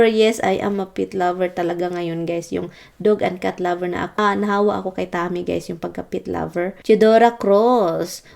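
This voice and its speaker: A woman's voice: medium pitch, creaky, a little mellow. A young woman from the Philippines with a Visayan accent, vlogging casually as she reads viewer comments, chatty, laughing often and mixing languages.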